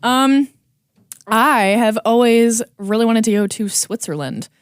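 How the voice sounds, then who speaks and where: A woman's voice: on the high side, animated, measured pace, smooth, no echo, clean studio sound. A young woman chatting as a podcast guest, giggly and talkative, often trailing off mid-sentence. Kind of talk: casual chat.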